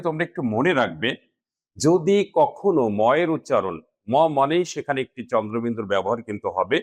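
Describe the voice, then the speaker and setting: A man with a mid-range voice teaches students a grammar lesson, speaking slowly and deliberately and spelling out words piece by piece.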